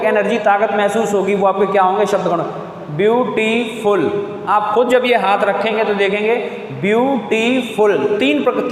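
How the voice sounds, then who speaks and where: A man's voice: sits high, roomy sound, long reverb tail, slight background noise. A male teacher giving a classroom-style lesson. He patiently repeats key terms, stretches words out for his pupils and fondly calls his viewers children. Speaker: English grammar teacher.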